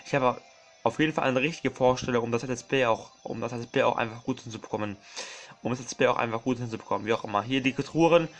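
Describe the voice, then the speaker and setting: A man's voice: mid-range voice, fast. A man doing casual let's play commentary, rambling and apologizing often, repeating his words and calling his viewers his friends.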